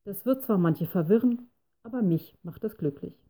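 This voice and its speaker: A woman's voice: mid-range voice, animated, moderate pace, warm tone. Lazy little dragon, as a woman reads it. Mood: drowsy, teasing. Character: lazy, unbothered small dragon, calm and teasing.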